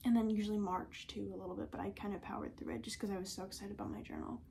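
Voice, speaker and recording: Soft-spoken young woman vlogging. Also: medium pitch, fairly even intonation, rapid-fire, a little hiss or hum. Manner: soft-spoken, often breathy half-whisper, thinking aloud. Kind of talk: casual reflective vlog talk.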